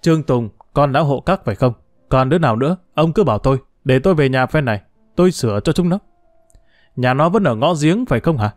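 A man's voice: medium pitch, expressive, fast, no room sound, clean studio sound, faint music behind, lightly acted. A man narrator voicing a hot-headed grown son who blusters and threatens. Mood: furious.

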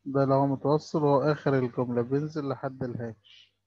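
A man's voice: medium pitch, steady tone, brisk, no room sound, muffled recording. A man with an Egyptian Arabic accent teaching a lesson for young children, stretching out each sound as he spells words.

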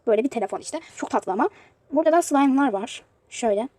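High-pitched woman rattling through a game video, kinda breathy, gets fed up a lot. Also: expressive, racing, warm tone, dry recording. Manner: chatty, exasperated exclamations. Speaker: youtuber showing a mobile game. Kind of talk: casual gameplay commentary.

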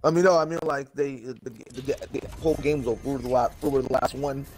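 A man's voice: mid-range voice, fairly even intonation, fast, darkish tone, rough recording. A man playing as the streamer's teammate, chatting casually and often stumbling over his words. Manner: stammering, restarting sentences. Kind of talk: casual gaming chat.

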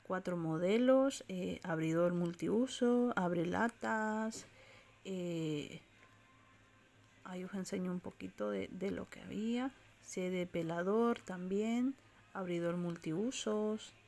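A woman shopping vlogger walks down an aisle in an indoor discount supermarket, filming on a handheld phone as she browses. She reads out prices and sizes in a steady, list-like way, her voice on the low side and her pace slow.

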